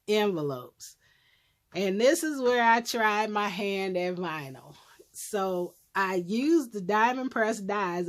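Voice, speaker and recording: A middle-aged woman casually showing her handmade crafts, slightly hoarse as she loses her voice, with a rambling manner full of ums and self-corrections. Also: mid-range voice. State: losing her voice, clearing her throat. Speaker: crafting YouTuber. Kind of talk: casual craft show-and-tell.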